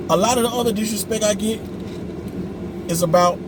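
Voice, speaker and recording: A man in his forties ranting casually in a car, animated, profane and emphatic. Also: high-pitched, a little fast. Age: 40s. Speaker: vlog co-host. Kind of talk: casual rant. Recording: loud car and road noise.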